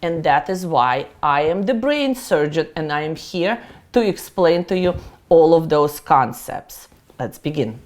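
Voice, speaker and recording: Lively Russian-accented woman tax expert. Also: deep voice, measured pace. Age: middle-aged. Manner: playful, self-mocking, emphatic. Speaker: tax accountant. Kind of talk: presenter lecture to camera.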